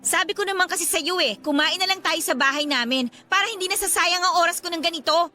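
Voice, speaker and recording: Very high-pitched and sharp, this woman talks fast while playing a wary, short-tempered young woman in a Tagalog radio romance. She delivers her lines with emotional emphasis, sounding annoyed and naggy.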